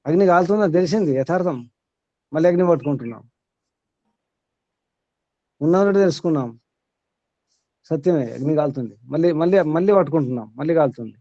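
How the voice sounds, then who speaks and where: A man's voice: on the high side, brisk, pauses often, warm tone, no room sound, highs cut off. A man teaching a small group as their spiritual guide, asking rhetorical questions and repeating his points.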